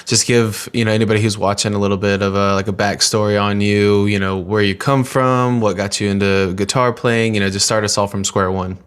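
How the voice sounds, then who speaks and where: Smooth-voiced laid-back podcast host. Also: male voice, fairly low pitch, brisk, hardly any pauses. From North Carolina. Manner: relaxed, easygoing, lots of "you know". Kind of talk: casual interview chat.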